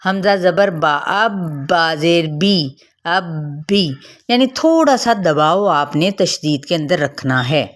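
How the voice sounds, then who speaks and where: Brief: slow-spoken, lower-voiced woman, patient recitation teacher modelling sounds. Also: lively intonation. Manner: patient, explains slowly and models each sound. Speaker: Quran reading teacher. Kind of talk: step-by-step recitation lesson.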